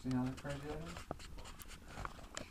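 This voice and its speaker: A man's voice: medium pitch, huge pitch swings, slow pace, gravelly. A man on a ghost hunt who calls out to spirits in the basement of an old house. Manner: calling out to spirits. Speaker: paranormal investigator. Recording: echoey basement, far mic, loud hiss.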